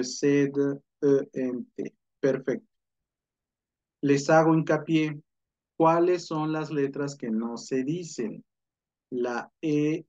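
Male language teacher, patient and questioning, raised pitch, muffled recording. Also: darkish tone. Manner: patient explaining, checks in with rhetorical questions. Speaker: French teacher. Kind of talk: online language lesson. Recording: dull lo-fi sound.

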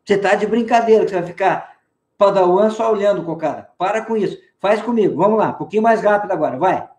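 A man's voice: high-pitched, fast. A man with a Brazilian Portuguese accent teaching guitar on a live stream, coaxing his student through call-and-response drills with playful nicknames. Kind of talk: live online guitar lesson. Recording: roomy echo with faint guitar.

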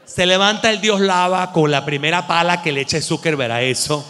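A man's voice: a little high, normal speed, sharp tone, long reverb tail, a little hiss or hum. A man with a Venezuelan accent doing a rambling, exasperated, crude stand-up comedy monologue. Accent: Venezuelan Spanish.

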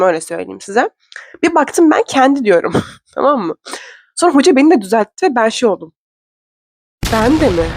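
A young woman from Turkey telling a story to camera in a chatty, fast, self-mocking way. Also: medium pitch, darkish tone, no echo. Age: young adult. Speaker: vlogger. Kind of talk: casual storytelling vlog. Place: indoor room.

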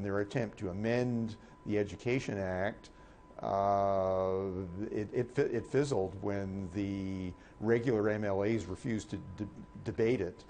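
Over background noise, a man in his sixties offers measured political analysis. His voice is fairly deep and mellow, and he hesitates and repeats words as he goes. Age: 60s. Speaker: political commentator. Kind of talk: unscripted broadcast analysis.

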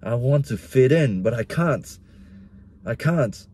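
A man's voice: mid-range voice, lively intonation, slow, darkish tone, a little hiss or hum. A young man with a mixed Vietnamese-Australian accent, rambling and soul-searching in a casual personal vlog monologue, often repeating himself. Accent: Vietnamese-Australian mix. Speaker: vlogger.

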